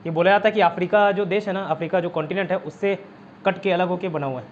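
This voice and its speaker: A man's voice: high-pitched, steady tone, fast talker, highs cut off, a little hiss or hum. A man with a Chhattisgarh Hindi accent teaching an exam-prep geography lesson in a chatty way, often checking in with his students and using mnemonics. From India. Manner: chatty, repeats "theek hai", quizzes students with mnemonics.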